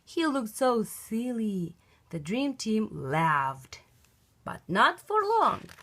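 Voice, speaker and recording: A woman reading a children's picture book aloud in an expressive, emphatic storytelling style. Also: on the high side, very slow.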